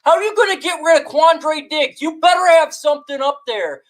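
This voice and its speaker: A woman live-streaming a fired-up, exasperated rant to her chat, shouting out viewers between complaints. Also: high voice, normal speed, low-quality recording. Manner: reads out chat shout-outs.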